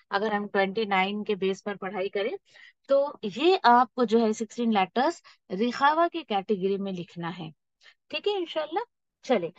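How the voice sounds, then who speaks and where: A woman teaching Quran recitation rules, explaining patiently and reciting example words slowly and drawn out. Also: on the high side, no echo. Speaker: tajweed teacher. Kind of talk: recorded Quran recitation lesson. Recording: dull, dry lo-fi recording.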